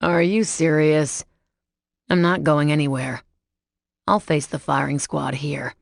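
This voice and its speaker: A woman's voice: low-pitched, slow, gravelly, no room sound, studio quality, heavily acted. Woman voicing a cool, clipped teenage boy. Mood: unbothered. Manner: clipped, calm and unbothered. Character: cool-headed teenage boy, a tough fighter.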